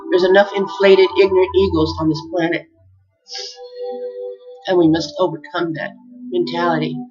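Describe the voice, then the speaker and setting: A woman giving an earnest, heartfelt spiritual message, measured and addressing her listeners warmly as beloveds. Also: lowish voice, little pitch movement. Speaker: spiritual speaker. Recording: dull lo-fi recording with faint music.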